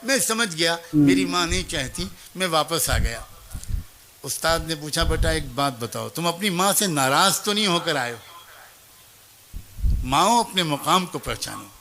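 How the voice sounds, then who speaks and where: A man's voice: on the high side, expressive, pushed and bright. A man preaching a storytelling sermon, earnestly telling a moral tale and speaking directly to mothers and young people, acting out the people in the story. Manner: acts out the child, teacher and mother in the story.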